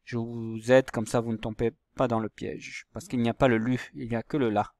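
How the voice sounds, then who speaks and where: A man's voice: mid-range voice, level tone, normal speed, darkish tone, no room sound, studio quality. A man teaching a lesson to young pupils, patiently spelling out letters and syllables. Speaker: primary school teacher. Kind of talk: recorded handwriting and reading lesson for young pupils.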